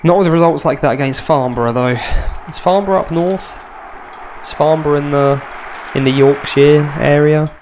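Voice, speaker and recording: Playing a football management game, a young gaming YouTuber with a cold offers laid-back let's-play commentary in a nasal, blocked-up voice. It sits a little high and darkish, with fairly even intonation at normal speed over slight background noise, and his manner is chatty, self-mocking and wry.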